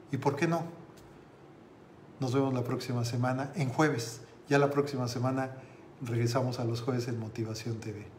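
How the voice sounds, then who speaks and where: A man, a motivational coach telling a story and speaking directly to his viewers with slow pauses. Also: mid-range voice, a little mellow, a little hiss or hum. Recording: roomy with faint ambience.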